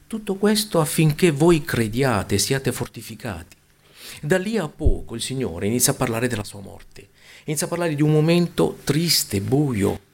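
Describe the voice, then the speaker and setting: Male preacher, sermon delivery, gravelly rasp, loud exclamations dropping to hushed lines. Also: medium pitch. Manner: swings between loud exclamations and hushed, near-whispered lines.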